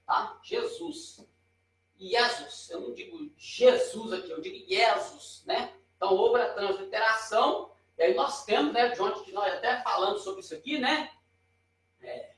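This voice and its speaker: A man's voice: sits high, lively intonation, normal speed, fairly bright tone, distant mic. A man with a Brazilian Portuguese accent giving a chatty, informal lesson at a board, pointing and correcting himself as he explains. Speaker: teacher. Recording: very echoey room, voice off-mic.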